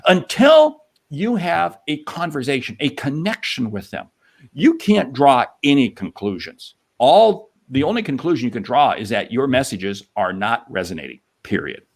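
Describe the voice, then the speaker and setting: A man's voice: medium pitch, moderate pace. A man co-hosting a sales podcast, talking in an emphatic, punchy way. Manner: emphatic, punchy, animated delivery. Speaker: podcast co-host. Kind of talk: energetic sales podcast talk.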